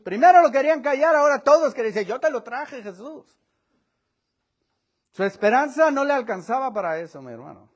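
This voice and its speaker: A high-voiced man preaching a sermon. He swings from quiet, low asides to loud, raised lines and acts out the voices of the people in the story. He laughs between points and keeps calling his listeners brother. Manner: preaching with dramatic shifts in pitch and volume, acting out voices. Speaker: pastor. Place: church.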